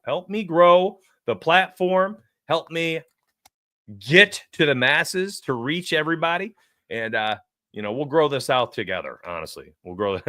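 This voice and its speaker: Animated, bright-voiced man hosting a betting stream. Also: on the high side, no echo, clean studio sound. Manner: animated, rambling, chuckles often. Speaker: sports betting show host. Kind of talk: casual livestream talk.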